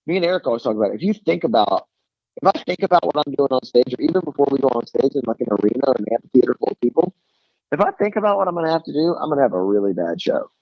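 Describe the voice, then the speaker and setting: This phone guest, a musician from Tennessee speaking with a thick Southern accent from his lakeside home, talks very fast with big pitch swings around a medium register, spinning rambling, self-mocking tales full of restarts. The line has no room sound and the highs are cut off.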